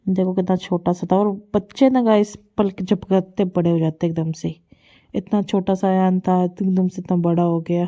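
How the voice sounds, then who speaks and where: Woman, mother, vlog voice-over, chatty, doting, rambling, flat delivery, darkish tone. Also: fairly low pitch, moderate pace, dull audio. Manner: chatty, doting, repeats herself as she narrates family clips. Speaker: family vlogger, mother. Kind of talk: casual vlog voice-over narration.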